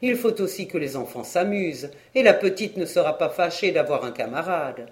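A reader voicing a thin, kindly greying weaver who speaks low and calmly. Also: normal speed, close to an everyday voice.

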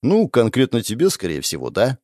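A man's voice: mid-range voice, huge pitch swings, fairly quick, darkish tone, no echo. A man doing a blunt, scarred bald doctor. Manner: blunt, dry, matter-of-fact.

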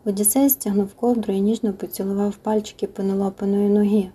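A woman narrating a novel as an audiobook, soft and intimate, sometimes sinking into a whisper. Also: medium pitch, level tone, a little fast, breathy edge.

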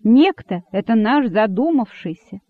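A shrill, eager female monkey blurts out what she overheard, her voice pitched up and loud, as a woman reader puts her on. The sound is tinny and narrow, like a phone line, and bone-dry with no room around it. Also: expressive, measured pace, no room sound. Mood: excited. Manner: shouting, eager, indignant.

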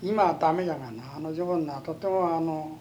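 A man's voice: a little high, fairly quick, a little mellow, slight background noise. An elderly man from Japan with a western Japanese accent, telling his life story as an interviewee in a folksy way, often repeating himself. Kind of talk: oral history reminiscence.

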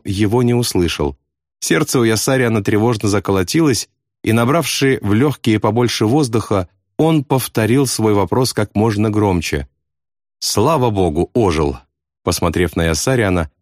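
Male audiobook narrator, dramatic and expressive, lively pitch, dry close sound. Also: no echo. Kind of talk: scripted narration.

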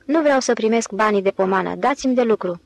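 A woman reading the part of an indignant foreign male specialist in an audiobook, complaining loudly. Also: medium pitch, vocal fry, no echo. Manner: shouting, indignant.

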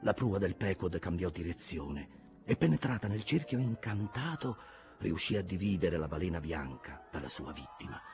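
Deep-voiced male audiobook narrator. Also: soft background music. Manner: expressive, measured storytelling. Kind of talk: dramatic literary reading.

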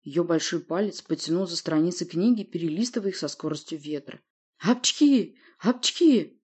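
Audiobook reader, woman, husky darkish voice, steady narration. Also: sits low, fairly quick. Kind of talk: scripted first-person narration.

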